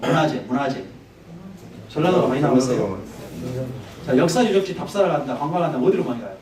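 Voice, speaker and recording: Male history lecturer, lively and pitch-swinging, quizzes the audience; echoey hall, slightly off-mic. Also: fast talker, recorded from a distance, crowd noise. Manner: conversational, poses questions to the audience.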